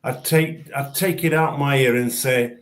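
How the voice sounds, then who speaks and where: A man's voice: mid-range voice, fairly even intonation, measured pace. Emphatic man hosting a referee chat. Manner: emphatic, repeats words when starting sentences. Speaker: show host and former referee. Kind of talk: casual chat on a video call.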